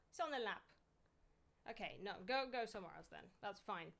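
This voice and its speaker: A young woman streaming live, chatting casually with viewers, excitable and swearing freely as she thanks them. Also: fairly high pitch.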